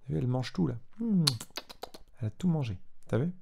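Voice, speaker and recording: Man reading a kids story out loud, lively up and down voice, gravelly, keeps checking with the kid. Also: on the high side, fairly quick, noisy background. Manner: asks the child questions, retells in plain words. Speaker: storyteller to a child. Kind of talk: reading a storybook aloud to a child.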